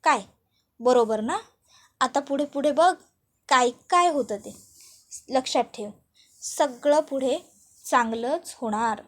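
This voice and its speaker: A woman's voice: high voice, slow pace, pauses often. A woman voicing a cheeky young man who playfully taunts his rival. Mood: teasing.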